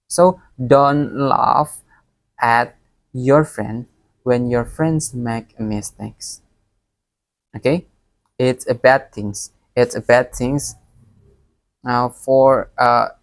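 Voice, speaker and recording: A young man with a Palembang Indonesian accent gives a recorded exam presentation as an education student, halting and often repeating words. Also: medium pitch, no echo. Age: young adult.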